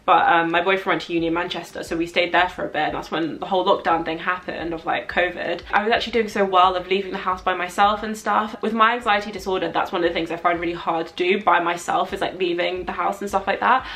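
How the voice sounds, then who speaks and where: A woman's voice: on the low side, steady tone, quick pace, few pauses, a bit bright. A young adult woman with a London accent chatting casually as she answers viewer questions, thinking aloud in a rambling way with frequent asides. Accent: London English. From London, England.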